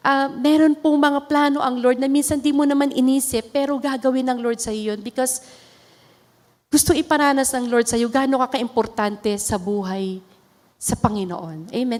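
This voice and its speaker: A woman pastor with a Filipino accent giving an earnest sermon testimony, switching between English and Tagalog and laughing softly now and then. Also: high-pitched, moderate pace. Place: church hall. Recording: long reverb of a hall.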